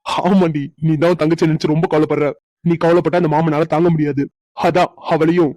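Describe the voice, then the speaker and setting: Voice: mid-range voice, little pitch movement, a little fast, warm tone, no echo, close to an everyday voice. A performer voicing a playful young husband in a cartoon who teases his wife with chuckles. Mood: teasing. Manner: teasing, chuckling. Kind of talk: cartoon voice acting.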